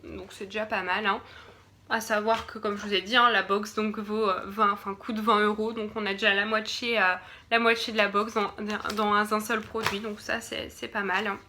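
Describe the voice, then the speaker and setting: A woman's voice: medium pitch, flat delivery, normal speed, bright, forceful tone, a little hiss or hum. A woman from France doing a casual unboxing video, hesitant, with many fillers and restarts, sometimes dropping to a murmur while she checks products. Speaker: beauty box reviewer.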